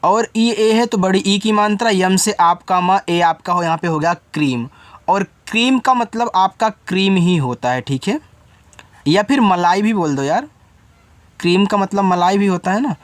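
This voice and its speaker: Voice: mid-range voice, lively intonation, normal speed, dry recording. A teacher giving a step-by-step spelling lesson, spelling each word out letter by letter and then explaining it directly to the learner in an informal way. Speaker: English teacher.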